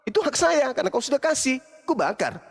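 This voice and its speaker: A man's voice: extremely high pitch, big pitch swings, fast, slightly rough. A man, an Islamic preacher delivering a heated, mocking monologue of repeated rebukes. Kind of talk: angry scolding monologue. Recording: long hall reverb.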